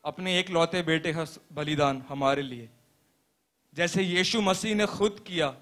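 A young man playing a pastor in a stage play, telling a parable as a sermon in a slow, earnest preaching manner with deliberate pauses. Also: fairly high pitch, fairly bright tone. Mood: exhorting. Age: young adult.

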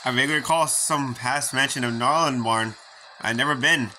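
A man's voice: mid-range voice, normal speed, noisy background. A man playfully reading video game dialogue aloud in character and joking about it as he plays. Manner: playful, reads lines in character and jokes about them. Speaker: gaming YouTuber. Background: game music.

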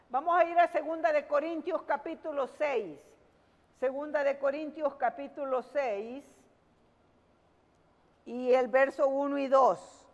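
A woman's voice: sits high, big-room sound, lo-fi sound. A woman giving an evening devotional sermon, earnest and conversational, retelling everyday conversations as she preaches.

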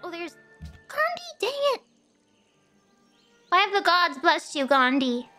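Very high, animated woman streamer. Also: a little slow, soft background music. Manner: playful and theatrical, laughing often, mock taunts. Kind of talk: gaming livestream commentary.

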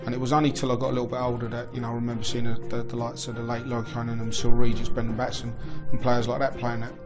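A man speaking quickly and earnestly in a documentary interview. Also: mid-range voice, completely flat delivery, over music.

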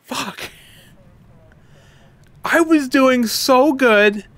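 A man yells in agitated fright while playing a horror game. His voice leaps high and loud in a startled outburst, as a gamer reacting on the spot. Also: very slow, no echo.

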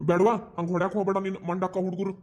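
An actor voicing a gentle, indulgent grandfather in a cartoon, with a North Karnataka Kannada accent, soothing and calming. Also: sits high, rapid-fire, dull audio, lightly acted. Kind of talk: cartoon voice acting.

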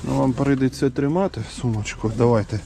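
A man working as a volunteer rescuer, calmly and practically giving reassuring instructions to people as he helps them into an evacuation vehicle outdoors. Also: mid-range voice, a little fast, creaky, crowd noise. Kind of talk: on-the-spot instructions while loading evacuees.

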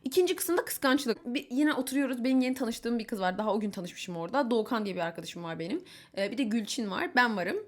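A young woman telling stories in a casual vlog, candid and chatty, with exasperated asides and quick mimicry of the people she quotes. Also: fairly high pitch, animated. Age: young adult. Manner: quotes others in mimicking voices. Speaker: vlogger.

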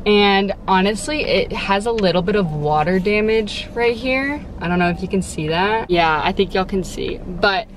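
A young Texan woman who vlogs about books chats bubbly to camera from a parked car, saying "like" constantly. Her phone is held at arm's length, and soft music plays beneath her medium-pitched voice. She talks at a moderate pace with hardly any pauses, and there's slight background noise.

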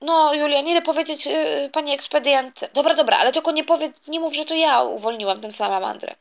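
A woman voicing an excitable young girl toy who loves animals and talks in an urgent way. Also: sits high, vocal fry. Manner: excited, urgent, quick to cry out. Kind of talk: toy storytelling with voices.

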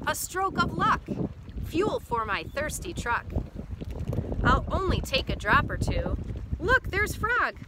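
A woman voicing a reckless, excitable male duck who captains a boat, in a loud, boisterous voice for a children's storybook. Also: high voice, slow pace, full character voice. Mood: eager. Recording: noisy outdoor boat recording.

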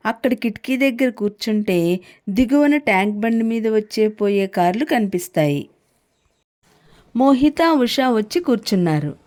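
A woman narrating a novel in a steady, expressive storytelling style. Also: fairly high pitch, moderate pace. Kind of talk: scripted narration.

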